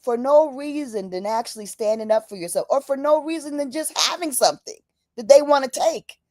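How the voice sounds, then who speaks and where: A woman's voice: high voice, a little fast, darkish tone, no room sound, clean studio sound. A woman hosting a livestream, talking casually and fervently, repeating phrases for emphasis and calling out to "y'all". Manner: casual, many fillers, says "y'all". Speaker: livestream host. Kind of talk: impassioned livestream talk.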